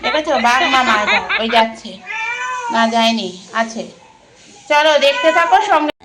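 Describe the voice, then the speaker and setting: A woman's voice: a little high, expressive, moderate pace, heavy background noise. A woman narrating her pet video and talking to the animals with playful commentary. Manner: playful running commentary, scolding pets. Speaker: pet vlogger.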